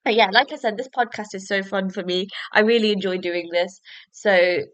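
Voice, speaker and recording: On her solo book-review podcast, a young adult host rambles casually, leaning on fillers and sounding a little congested from a cold. She has a medium-pitched, fairly bright voice with a steady tone and normal speed, and there's no room sound.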